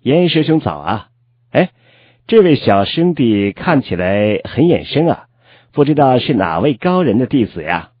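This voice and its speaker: Guy reading as a courteous young disciple dude, husky, kinda lo-fi sound. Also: mid-range voice, sing-song, unhurried, no echo. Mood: curious. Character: polite young male cultivator disciple.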